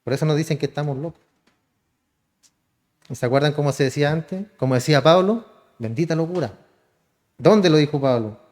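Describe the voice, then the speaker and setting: Pastor preaching in a reverberant hall. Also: male voice, a little high, fairly quick, long pauses, darkish tone. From Chile. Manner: addresses listeners as "hermano", asks and answers his own questions. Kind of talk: sermon.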